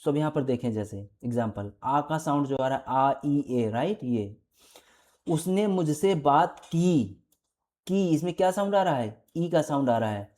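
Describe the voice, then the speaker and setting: A woman's voice: extremely low pitch, lively intonation, normal speed, hardly any pauses, dark tone. Patient Indian woman teaching grammar. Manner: explains patiently, asks and answers her own questions. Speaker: English teacher. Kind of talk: online grammar lesson.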